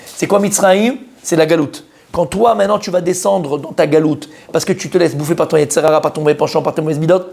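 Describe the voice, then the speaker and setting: Animated man with a gravelly voice teaching. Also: fairly high pitch. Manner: questions the audience and repeats key words for emphasis; animated, emphatic delivery. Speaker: rabbi teaching a Torah class. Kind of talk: weekly Torah lesson to a live group.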